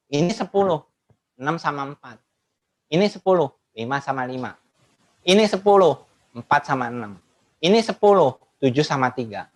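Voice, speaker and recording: A woman teaching math in an online webinar, laughing often and asking her audience lively questions. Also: low-pitched. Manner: laughs often between phrases; acts out quoted remarks in changed voices.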